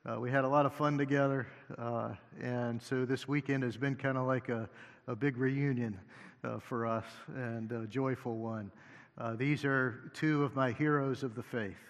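A male associate pastor preaching a sermon at a pulpit microphone in a church sanctuary, unhurried and halting with many fillers, joking gently now and then. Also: medium pitch, fairly even intonation. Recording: long hall reverb.

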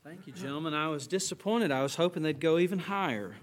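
A man leading a chapel service, making relaxed announcements with frequent fillers. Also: a little high, quick pace, slight background noise.

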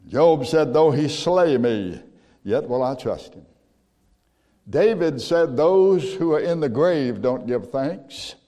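Male preacher; sermon delivery, loud acted quotes, soft low asides; long hall reverb. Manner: swings from loud calls to low quiet asides, acts out quotes.

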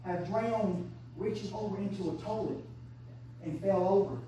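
A woman, preaching an impassioned sermon that swings between hushed and shouted. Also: mid-range voice, normal speed, a little hiss or hum. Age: 30s. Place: church sanctuary. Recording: echoey church from far off.

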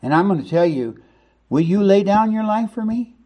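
A man's voice: high-pitched, lively intonation, moderate pace, mellow. A male pastor preaching a sermon in an emphatic, conversational way, stressing words with bursts of volume.

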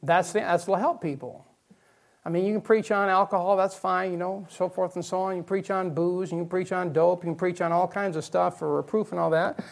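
A male pastor preaching a sermon, emphatic and repeating his key phrases, dropping into quiet asides between loud declarations. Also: high voice, steady tone, brisk, gravelly.

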